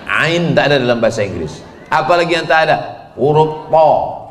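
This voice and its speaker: Joking preacher with a lilt, echoey hall. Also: male voice, fairly high pitch, brisk, slight background noise. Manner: lively, joking, asks the crowd questions and chants verses. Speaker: Islamic preacher. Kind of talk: humorous sermon to a women's audience.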